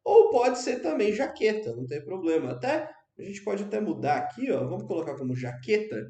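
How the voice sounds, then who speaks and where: A man's voice: sits high, sing-song, warm tone. Chatty man teaching in a roomy space. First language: Portuguese. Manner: chatty, checks in with "tá, gente?", repeats phrases slowly for drills. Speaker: English teacher. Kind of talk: casual explanatory lesson. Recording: roomy, echoey room sound.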